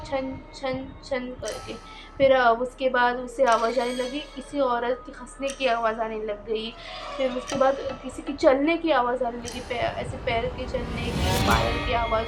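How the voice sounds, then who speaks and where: A woman casually retelling a horror story, halting with fillers and restarts, voicing the dialogue in her own voice. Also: fairly high pitch.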